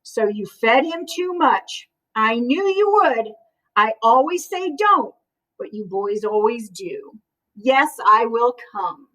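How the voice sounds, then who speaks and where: A woman's voice: fairly high pitch, very animated, slow pace, a bit bright, heavily acted, low-quality recording. A woman voicing a weary, scolding man who knows better, in a children's storybook, resigned and chiding.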